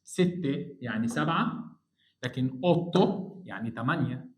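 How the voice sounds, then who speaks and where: A man with an Egyptian Arabic accent teaching an online Italian lesson to high school students. He drills each word slowly, repeats it, and coaxes the student along. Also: lively intonation, echoey room.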